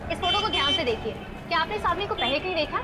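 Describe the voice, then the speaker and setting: An actress playing a businesslike young police officer in a TV crime drama. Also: female voice, very high voice, animated, quick pace, crowd noise. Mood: questioning. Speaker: actor in a crime drama series. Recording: music behind the voice.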